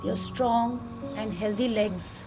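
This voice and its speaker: A woman with an Indian accent leading a guided relaxation in a slow, gentle, soothing manner. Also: a little high, loud music behind the voice. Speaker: instructor leading a gratitude and breathing class.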